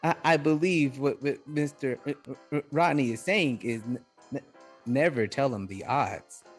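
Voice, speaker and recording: A man's voice: medium pitch, unhurried, slightly rough, faint music behind. A man voicing an anxious male butler robot who stammers and glitches on the start of his words and calls everyone mister. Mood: polite, nervous. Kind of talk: playing a character in a tabletop game.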